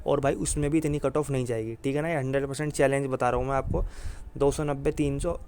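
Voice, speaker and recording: At a fast clip, a man with a medium-pitched, fairly even and slightly mellow voice gives informal exam coaching over a faint hiss or hum. He hammers his points home through repetition, reassuring listeners and often addressing them directly.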